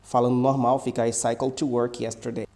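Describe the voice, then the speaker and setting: A man teaching English at an even middle pitch. He explains patiently and says the example sentences slowly, again and again. He comes from Brazil. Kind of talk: explaining a language lesson.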